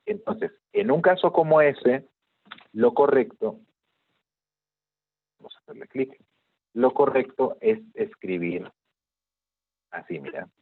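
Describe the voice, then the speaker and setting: A man's voice: mid-range voice, expressive, takes it slowly, long pauses, no room sound. A man teaching an online class, explaining patiently and often checking in with his students. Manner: explanatory, checks in with frequent "¿de acuerdo?". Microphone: video call. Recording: tinny phone-like video call audio.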